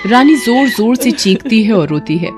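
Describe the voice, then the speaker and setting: A woman narrating an animated horror story in a steady storytelling manner. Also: a little high, normal speed, faint music behind.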